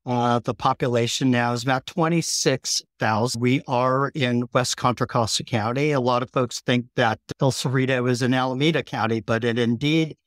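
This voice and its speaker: Middle-aged man, steady and explanatory. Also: mid-range voice, moderate pace, hardly any pauses, no room sound, studio quality. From San Francisco Bay Area, California. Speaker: city councilmember, guest. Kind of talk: interview conversation.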